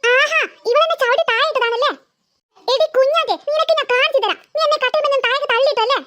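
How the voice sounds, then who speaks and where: A whiny, indignant cartoon girl, squeaky and very high, rattling off her grievances at speed. The voice is bright and sharp, with close, dry sound. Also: quick pace, no echo. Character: little girl, whiny, squabbling with her sister. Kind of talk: cartoon voice acting.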